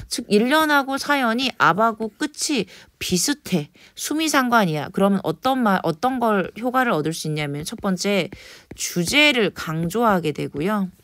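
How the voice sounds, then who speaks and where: A woman teaching a poetry lesson in a lively way, switching between quick asides, whispers and slow stressed words. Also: mid-range voice, no room sound, clean studio sound. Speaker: Korean literature teacher.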